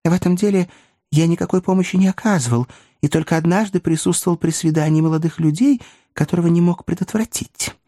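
A man voicing a mild, kindly older gentleman in a story reading, earnest, polite and formal. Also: on the high side, fast, no room sound, clean studio sound, voice pushed up, natural voice.

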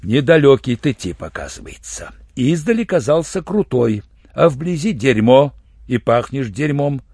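A man's voice: medium pitch, very animated, measured pace, husky, dry recording, clean studio sound, full character voice. A man voicing a vengeful, contemptuous man who interrogates a captive with harsh insults. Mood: cold. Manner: scornful, harsh, shouting insults. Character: vengeful hard male avenger, cold and contemptuous.

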